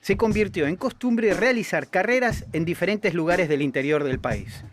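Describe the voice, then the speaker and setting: A man reading a scripted educational narration in a steady, informative way. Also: high voice, moderate pace. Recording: music bed under the voice.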